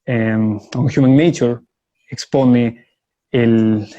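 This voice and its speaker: This debate guest has a mid-range, mellow voice with a steady tone, and the recording has its highs cut off. Answering in a live online debate by video call, he explains his position step by step in a measured way, drawing on examples.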